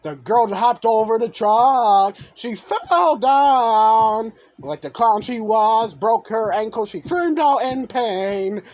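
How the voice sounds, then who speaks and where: Slow sing-song improvised storyteller. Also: medium pitch, animated, darkish tone.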